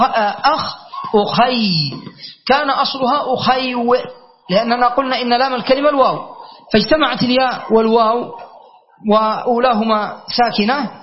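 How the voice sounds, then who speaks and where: A man's voice: extremely high pitch, a little hiss or hum. A man teaching a classroom grammar lesson, repeating key words and often checking that his students follow. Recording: dull lo-fi lecture recording.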